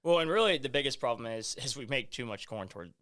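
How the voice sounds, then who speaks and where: A man's voice: mid-range voice, lively intonation, quick pace, fairly bright tone, smooth. A young man, co-hosting a casual podcast and animatedly retelling conversations. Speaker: podcast co-host. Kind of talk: casual storytelling chat.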